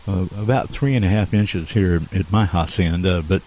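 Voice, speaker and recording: A man co-hosting a podcast, chatting casually in a halting, unhurried manner. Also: sits low, a little mellow, slight background noise. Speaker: podcast co-host.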